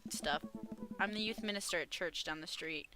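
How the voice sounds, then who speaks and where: A woman's voice: lowish voice, normal speed, pushed and bright, soft background music. A woman voicing a friendly, awkward dad who is a youth minister, reading him in an earnest, chummy way.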